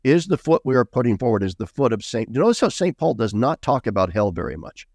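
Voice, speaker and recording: A man's voice: mid-range voice, big pitch swings, fairly quick, darkish tone, no echo, clean studio sound. A middle-aged man speaking as a guest author in an interview, earnest and emphatic, with bursts of raised emphasis. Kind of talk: interview conversation.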